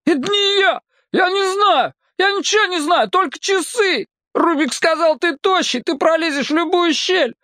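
A man's voice: very high-pitched, normal speed, hardly any pauses, pushed and bright, no room sound, studio quality, voice pushed up. A panicky, whiny scrawny teen boy. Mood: panicky pleading. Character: scared skinny teenage boy caught by kids.

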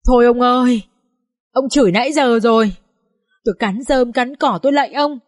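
A woman's voice: fairly high pitch, moderate pace, no echo, studio quality, natural voice. Woman as a tearful lamenting mother. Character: grieving middle-aged mother, tearful and pleading.

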